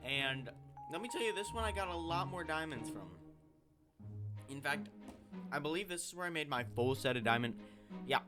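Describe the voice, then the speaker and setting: A man's voice: fairly high pitch, lively intonation, moderate pace, long pauses, music in the background. A man giving casual, rambling voiceover commentary on his own gameplay, often correcting himself as he goes. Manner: rambling, self-correcting, chatty. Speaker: gaming channel host.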